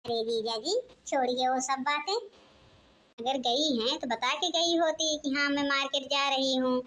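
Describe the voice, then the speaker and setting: A woman's voice: high voice, fairly even intonation, a little slow, a bit bright. A woman voicing a scheming young daughter-in-law in a cartoon, sweet-talking and sly.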